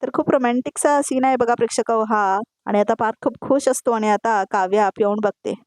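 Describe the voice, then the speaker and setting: A woman's voice: fairly high pitch, darkish tone, dry recording. A woman narrating a TV serial episode recap as a voice-over, tagging each line of dialogue and addressing the viewers. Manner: quick, repetitive dialogue tags, addresses viewers.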